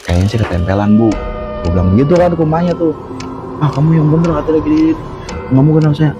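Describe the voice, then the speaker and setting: With music playing behind him, a storyteller guest from Jakarta speaks fast in a slightly high voice. He tells a true horror story in casual chat, animatedly acting out the quotes and laughing often.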